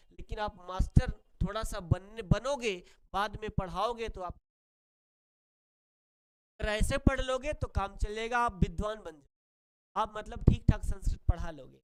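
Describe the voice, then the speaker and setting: In a classroom-style lesson on Sanskrit grammar, a man explains the rules by asking and answering his own questions and repeating key words. His voice is high and smooth.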